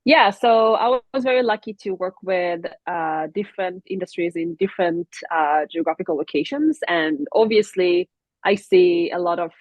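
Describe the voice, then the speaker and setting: A woman's voice: lowish voice, no room sound. A woman from Israel, a guest on a podcast, answering questions in a friendly manner with many ums and uhs. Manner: friendly, laughs often, fillers like um and uh. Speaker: guest, tech product advocate. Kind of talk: interview answers.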